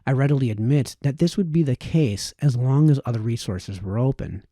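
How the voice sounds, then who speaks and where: A man with a very dark, soft-edged, medium-pitched voice reads a formal historical essay aloud, audiobook style, as an amateur reader. His phrasing is measured, though he occasionally stumbles over a word. The recording is dry and close, with little sense of room.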